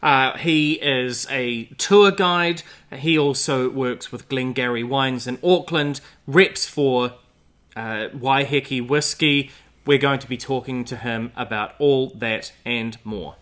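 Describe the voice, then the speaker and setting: Male podcast co-host, bright mid voice, measured delivery. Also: mid-range voice. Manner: measured, careful framing of questions. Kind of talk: casual podcast chat.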